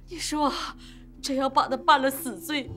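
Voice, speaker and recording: A woman's voice: sits high, steady tone, moderate pace, a bit bright, soft background music. An actress playing a middle-aged country mother, sobbing and pleading melodramatically for her daughter's life. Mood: sobbing plea.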